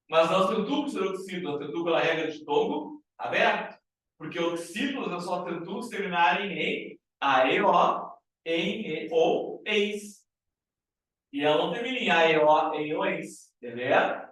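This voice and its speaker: A man with a Brazilian Portuguese accent teaching a grammar class. His voice sits high for a man. He keeps checking in with the room through rhetorical questions. He is recorded from a distance in a very echoey classroom. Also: a bit bright.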